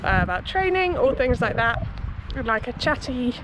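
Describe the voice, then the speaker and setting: High-voiced young woman vlogging outdoors. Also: very animated, moderate pace. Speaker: running vlogger. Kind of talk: casual vlog chat. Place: outdoors beside a busy city road. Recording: outdoor street noise, passing traffic.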